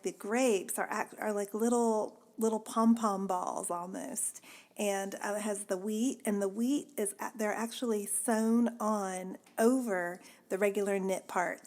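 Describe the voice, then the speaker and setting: A woman with a mid-range, darkish voice hosts a podcast as a casual chat. She keeps it chatty and relaxed, laughing often and using many fillers.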